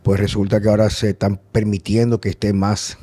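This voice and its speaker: A man's voice: fairly low pitch, flat delivery, a little fast, warm tone, no room sound. A man hosting a podcast, talking in a rambling conversational way with many restarts. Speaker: podcast host. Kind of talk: casual conversation.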